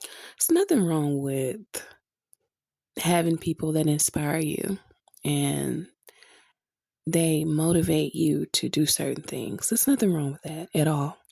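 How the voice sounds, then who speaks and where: A woman hosting a motivational podcast, sounding stuffy from a cold, speaking slowly and earnestly to encourage her listeners. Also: low-pitched, gravelly, dark tone, slightly rough, dry recording. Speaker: podcast host.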